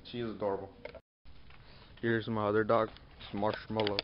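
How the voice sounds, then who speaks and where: A man's voice: fairly low pitch, little pitch movement, normal speed, slight background noise. A teenage boy vlogging from his bedroom at home, rambling casually while he eats and talks with his mouth full, recorded on a handheld camera or phone. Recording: roomy, dull lo-fi sound.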